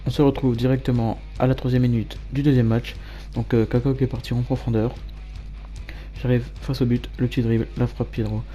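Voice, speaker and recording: A man giving matter-of-fact play-by-play commentary as a gamer over his own match highlights. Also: level tone, fairly quick, mellow, soft background music. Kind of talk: gameplay commentary.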